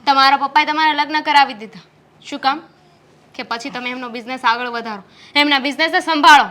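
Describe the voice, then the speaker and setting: Woman playing a fed-up young wife, high bright voice, nags her husband. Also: a little fast. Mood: scolding. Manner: scolding, reproachful. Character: frustrated young pregnant wife, stern and reproachful. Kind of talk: family drama acting.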